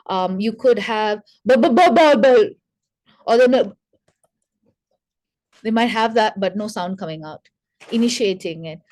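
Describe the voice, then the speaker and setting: A woman speech therapist with a mid-range, slightly mellow voice gives an educational talk to parents. She explains conversationally, sounds out speech sounds as examples, speaks to listeners directly, and adds conversational asides.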